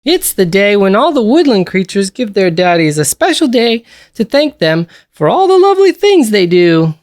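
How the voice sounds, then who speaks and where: A man voicing an eager, forgetful little bear cub in a picture-book reading, in a high, squeaky voice. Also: sing-song, normal speed, dry recording. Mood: earnest.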